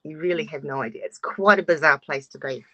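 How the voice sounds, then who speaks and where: A woman's voice: sits low, fast, a bit bright, dry recording, highs cut off. A woman in her forties giving a frank, open introduction of herself on a video call, swearing now and then. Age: 40s. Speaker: course participant.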